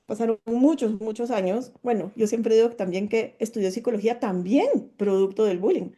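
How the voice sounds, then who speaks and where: Woman, from Guatemala, middle-aged, psychologist, earnest expressive storyteller, slightly high, warm mellow tone. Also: normal speed. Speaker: psychologist and speaker. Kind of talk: personal testimony talk.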